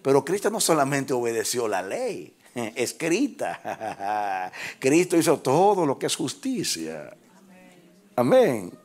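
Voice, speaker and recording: A man preaching a sermon as pastor, who leads his congregation in call-and-response and rises into shouted, half-sung phrases. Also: mid-range voice, huge pitch swings, slow. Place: church with congregation.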